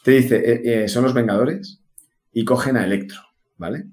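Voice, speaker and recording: A man's voice: medium pitch, moderate pace, darkish tone. A man, co-hosting a casual podcast chat about comics and telling stories about them with enthusiasm. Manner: enthusiastic, storytelling. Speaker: podcast co-host. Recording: echoey room with faint music.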